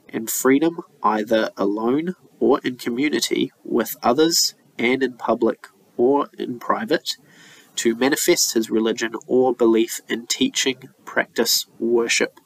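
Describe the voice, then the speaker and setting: A young man, a co-host, records an inserted fact-check on a low-quality laptop microphone and reads legal text in a clear, measured way. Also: fairly bright tone. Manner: clear, measured reading of quoted statutes. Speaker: co-host and editor.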